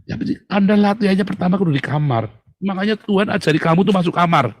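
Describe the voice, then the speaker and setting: A man preaching a casual sermon, chatty and joking, swinging between loud emphasis and hushed, calm words. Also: high voice, quick pace, no room sound.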